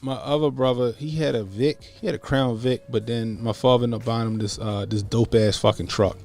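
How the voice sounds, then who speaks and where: A podcast host in his late thirties from the Baltimore area with a gravelly edge to his voice. He spins loose, profane stories in an easygoing way, and faint music plays underneath. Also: medium pitch, steady tone, a little fast, a little mellow. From Baltimore area, USA. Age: 30s. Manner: profane, laid-back storytelling. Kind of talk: casual podcast chat.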